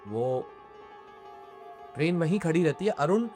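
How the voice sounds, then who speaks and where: A man's voice: fairly high pitch, animated, unhurried, darkish tone, soft background music. A man narrating a horror story in casual spoken style, with fillers and restarts.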